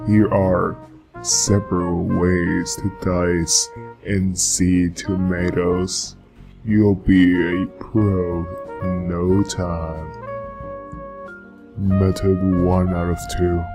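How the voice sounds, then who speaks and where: A man putting on a muffled, gravelly seductive purr. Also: low-pitched, level tone, very slow, music in the background, pitched below the performer's own voice, exaggerated voice. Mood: sultry. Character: seductive muffled-voiced man reading a how-to. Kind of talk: scripted how-to reading in a put-on voice.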